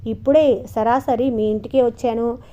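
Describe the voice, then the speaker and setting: A woman storyteller voicing a practical young man, the hero's loyal friend, who speaks in a brisk, firm, matter-of-fact way in an audiobook reading. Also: on the high side, fairly even intonation, dark tone, highs cut off, natural voice.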